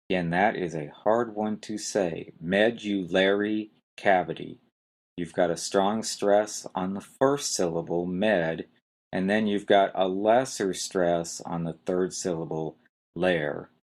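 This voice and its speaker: A man hosting a medical terminology podcast, spelling each term letter by letter and pointing out where the stress falls. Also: deep voice. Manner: spells words letter by letter and stresses syllables carefully. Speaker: podcast host teaching medical terms. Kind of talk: slow spelled-out lesson.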